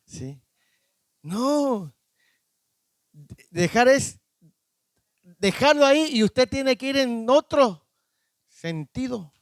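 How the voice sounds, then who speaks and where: A man's voice: very high-pitched, lively intonation, very slow, long pauses, no echo. A man preaching a sermon as pastor, often quizzing the congregation with short questions. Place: church.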